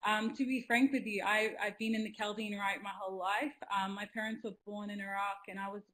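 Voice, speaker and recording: On poor audio, a young Australian youth representative joins a webinar call from a small home room, speaking fairly quickly in a medium-pitched, level, fairly bright voice. She sounds casual, earnest, and enthusiastic, often saying um and restarting.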